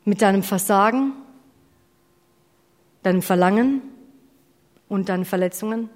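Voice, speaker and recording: A woman's voice: mid-range voice, measured pace, a little mellow. A woman delivering a sermon, earnest and direct, asking her listeners questions and now and then correcting herself. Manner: self-correcting, apologizes for slips. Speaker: preacher. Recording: long hall reverb.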